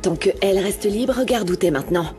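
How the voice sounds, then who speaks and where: A woman's voice: mid-range voice, quick pace, warm tone, soft background music, lightly acted. An actress playing a scheming, vengeful woman who speaks with contempt, in a dubbed telenovela. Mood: scornful.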